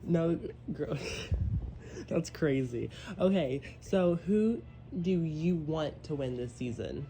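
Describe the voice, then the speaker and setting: A man's voice: on the high side, lively intonation, slow pace, dark tone, slight background noise, rough recording. A man hosting a podcast in casual chat, snarky and teasing toward his guest. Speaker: podcast host.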